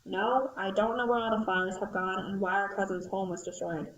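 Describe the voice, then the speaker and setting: A woman's voice: medium pitch, a little fast, roomy sound, muffled recording, a little hiss or hum, natural voice. A woman voicing a determined female worker bee who leads her colony in an amateur audio drama. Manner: resolute, rallying.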